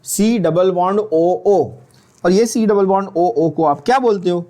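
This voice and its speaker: A man's voice: sits high, a little slow, warm tone. A man with an Indian accent giving an online chemistry lecture, often asking students questions and repeating key terms with teasing scolding. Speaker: chemistry teacher.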